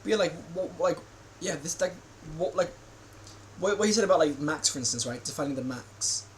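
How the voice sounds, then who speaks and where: A man's voice: on the high side, lively intonation, a little fast, slight background noise, low-quality recording. A man giving casual reaction commentary while watching a video, rambling with many fillers and restarts.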